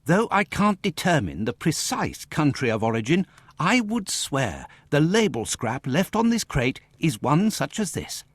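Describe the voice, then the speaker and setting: An actor playing an earnest, excitable English gentleman doctor in a video game, formal and expressive. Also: fairly high pitch, measured pace, no echo. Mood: earnest explaining. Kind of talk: video game cutscene acting.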